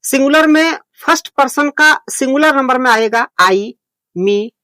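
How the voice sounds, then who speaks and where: A man with a very high, bright, forceful voice teaches English to beginners using Hindi, speaking a little slowly on a dry recording. His style is patient and homely, with plain explanations, repeated points and reassurance for learners.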